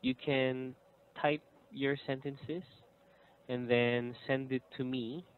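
Thirty-something guy tutoring english on a call, talks real slow, sounds thin like a phone line. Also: mid-range voice, little pitch movement, clear, resonant tone. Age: 30s. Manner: patient, encouraging, laughs often. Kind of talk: online English lesson. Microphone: video call.

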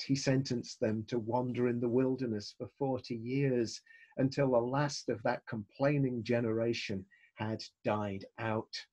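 A man's voice: mid-range voice, a little mellow, slightly rough, rough recording. A middle-aged man preaching a recorded sermon as a pastor, earnest with wry asides.

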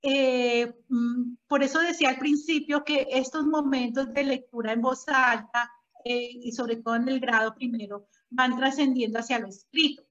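In a conversational interview captured in dull lo-fi audio, a woman who teaches preschool explains her ideas through personal classroom stories. Her voice is high and fairly bright, with a steady tone and moderate pace.

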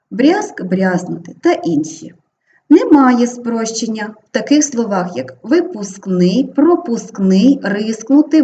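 A Ukrainian woman teaches an exam-prep grammar lesson with a lively, rising-and-falling voice that has a mellow, warm tone. She sounds out each example word clearly and deliberately. The audio is a little dull and lo-fi, with faint hiss underneath. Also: fairly high pitch. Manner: clear, deliberate, drawn-out spelling of example words.

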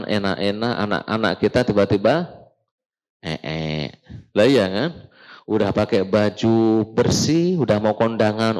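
Man, religious teacher, casual talk to an audience, quizzes the room, jokes, lively. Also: fairly low pitch, poor audio. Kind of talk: casual Islamic study talk. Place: study hall with an audience.

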